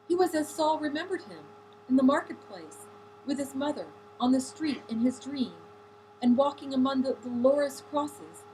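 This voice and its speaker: A woman reading a novel aloud in a deliberate way, now and then correcting a slipped word. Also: high-pitched, darkish tone, slight background noise, rough recording. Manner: deliberate, with occasional slips and self-corrections. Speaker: audiobook reader.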